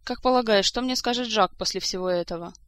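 A woman's voice: medium pitch, fast talker, fairly bright tone, natural voice. A woman reading the part of a wounded, tired king who speaks bluntly and reproachfully.

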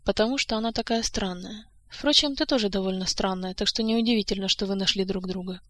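A woman voices a wary young lady of the court in an audiobook. She speaks softly and confidingly, hinting at warnings, in a mid-pitched voice. The sound is dry and close. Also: a little fast, no echo, natural voice. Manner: confiding, cautionary.

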